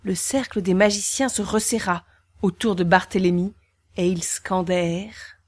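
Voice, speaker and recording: A woman narrating a children's storybook in a slow, hushed manner. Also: mid-range voice, fairly even intonation.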